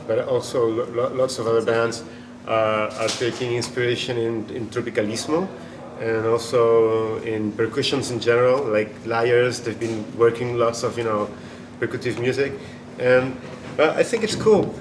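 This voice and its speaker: A man's voice: medium pitch, steady tone, moderate pace. A man from Chile, a band member being interviewed, talking casually and rambling with many restarts and fillers. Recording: echoey room with noisy ambience.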